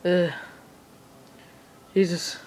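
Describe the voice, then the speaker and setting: A man's voice: high-pitched, little pitch movement, drawn-out words. A man chatting casually to viewers in an amateur home vlog. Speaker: video creator. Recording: faintly noisy home video recording.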